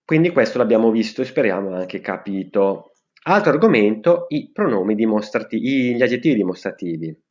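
A man explains English grammar to schoolchildren, pausing to say each example sentence slowly. His voice sits fairly low but leaps up and down with lively emphasis. The recording sounds dull and lo-fi. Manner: slow, spelled-out example sentences. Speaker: English teacher.

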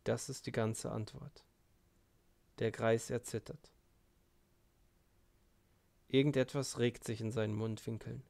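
A male narrator reads a classic novel in a solemn, measured voice. His tone is gravelly and sits at a middle pitch. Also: steady tone, a little mellow. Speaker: audiobook narrator. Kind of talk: literary audiobook narration.

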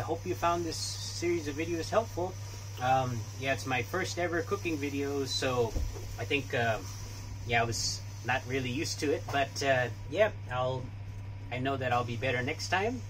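Man, cooking vlog, slow unhurried talk, hesitant fillers, small kitchen, faint room hum. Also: mid-range voice. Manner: relaxed, hesitant, many fillers. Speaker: cooking vlogger. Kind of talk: casual cooking demonstration.

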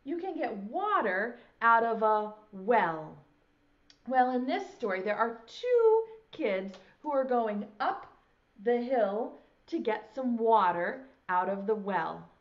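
A woman's voice: fairly high pitch, very animated, slow, lo-fi sound. A middle-aged woman leading a children's nursery-rhyme lesson in a broad, singsong, theatrical way. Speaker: preschool teacher hosting a children's circle time. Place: small indoor classroom set. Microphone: lapel mic.

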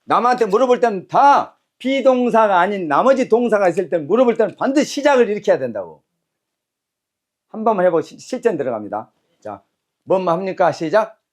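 A man teaching an English lesson in a classroom lecture style, brisk and commanding, calling out cues and having phrases repeated back. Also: sits high, big pitch swings.

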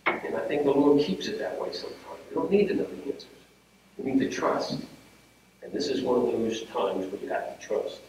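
A man's voice: medium pitch, animated, normal speed, darkish tone. A man officiating a funeral, preaching a sermon in an earnest, conversational way with restarts. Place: funeral home chapel. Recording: very echoey hall, heard from a distance, faint room hum.

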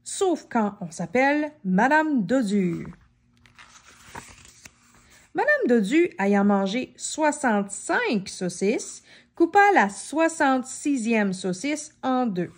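A woman reads a children's story aloud with a lively, swooping voice that sits a little high. She turns to the child listening and asks questions. Her telling is bright and expressive. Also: slow.

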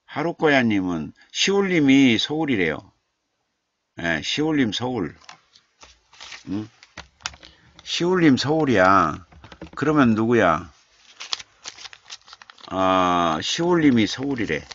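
Man, literature professor, live stream host, reads chat comments, slow and chatty, chuckles, lively pitch, dull lo-fi audio. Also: a little hiss or hum. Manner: slow, chatty, chuckling, repeats names while reading comments.

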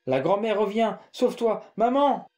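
A panicked young boy cries out in a high, strained voice, as a male narrator puts him on. The tone stays soft and mellow despite the fear. It belongs to a spooky audiobook tale. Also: steady tone, normal speed, lightly acted. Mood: terrified. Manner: panicked, shouting warnings. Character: young boy Étienne, terrified, pleading.

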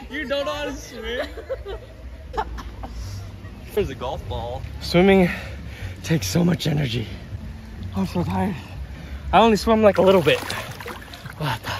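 A man's voice: sits high, creaky, a little hiss or hum. A young man vlogging casually from a beach resort, rambling with lots of "like" fillers. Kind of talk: casual vlog chat. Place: beach resort, outdoors and by a pool.

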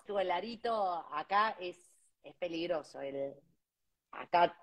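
A woman's voice: on the low side, animated. Argentine woman chatting over a noisy stream. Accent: Argentine Spanish. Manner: chatty, quick interjections and crude comparisons. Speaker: podcast co-host. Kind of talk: casual live-stream chat. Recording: noisy live stream audio.

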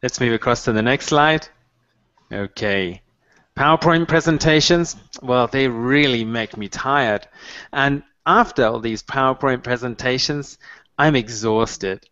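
The speaker, a man in his thirties, uses a medium-pitched, somewhat bright voice to teach an English mini-lesson online, patiently modeling phrases slowly over a headset. He stays clear and encouraging throughout. He's calling from a small room at home, and the video-call sound is dull and dry.

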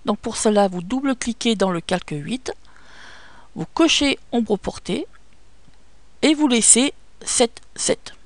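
A woman with a French accent guiding viewers step by step through photo editing software, patient and hesitant, with many fillers. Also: a little high, lively intonation, takes it slowly, pauses often, no room sound. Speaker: software tutorial presenter. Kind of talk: screen-recorded photo editing tutorial.

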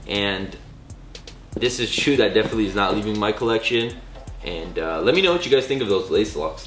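Young man with a fading voice, echoey room. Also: lowish voice. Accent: Californian. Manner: relaxed, enthusiastic, slangy talk with many fillers. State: losing his voice. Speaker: sneaker vlogger. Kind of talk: casual vlog show-and-tell. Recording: echoey room with faint music.

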